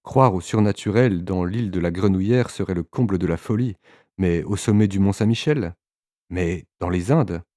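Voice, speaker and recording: A man narrating a literary audiobook in a measured way, with occasional small hesitations. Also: low voice, dark tone, no room sound, clean studio sound.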